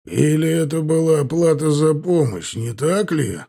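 Man voicing a slow, menacing bandit chief. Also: a little high, expressive, vocal fry, warm tone, pitched above the performer's own voice, heavily acted. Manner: slow, hissing threats.

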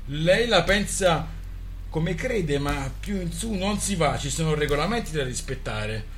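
A man's voice: on the high side, expressive, unhurried, faint music behind, voice pushed up. A man reading a story aloud and voicing a stern, unbending official who enforces the rules. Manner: firm, bureaucratic, loud. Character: stern unbending male sector chief, officious.

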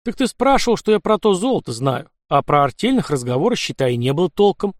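A man's voice: sits high, big pitch swings, a little fast, no room sound, studio quality, pitched above the performer's own voice. A man voicing a sly, unflappable young Cossack who talks in a wry, matter-of-fact way, in an audiobook. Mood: wry, easygoing. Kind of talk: audiobook character voice.

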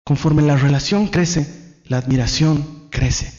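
A male pastor preaching a sermon in an animated way, acting out the excuses people make in little quoted voices. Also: on the high side, slow pace. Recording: dull lo-fi sound.

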